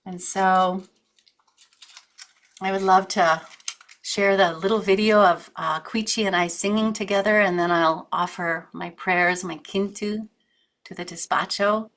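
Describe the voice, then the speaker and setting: A woman speaking with soft reverence, reading a poem aloud and offering spoken prayers at a ceremony. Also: mid-range voice, steady tone, unhurried. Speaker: ceremony participant.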